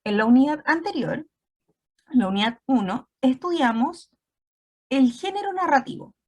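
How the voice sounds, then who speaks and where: A woman's voice: high-pitched, animated, moderate pace, darkish tone. A woman teacher giving an online class, explaining step by step and often checking in with her students.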